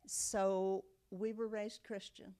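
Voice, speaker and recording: A woman's voice: mid-range voice, little pitch movement, takes it slowly, warm tone, clean tone. A woman, telling her family story in an oral history interview. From United States. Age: 70s. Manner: reflective storytelling with frequent um and okay.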